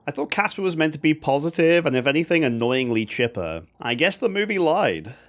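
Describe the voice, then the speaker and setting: A man's voice: a little high, a little fast. A man giving sarcastic, comedic voice-over commentary on a video game he has played through. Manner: wry, sarcastic, animated, laughs at the game. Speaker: gaming video host.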